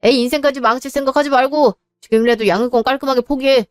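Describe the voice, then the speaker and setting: A woman's voice: sits high, steady tone, fast talker, smooth, dry recording, studio quality, faint music behind, natural voice. A woman voicing an exasperated married man who argues back at his mother and brother in a narrated drama. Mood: accusing. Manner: exasperated, argumentative. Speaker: husband character.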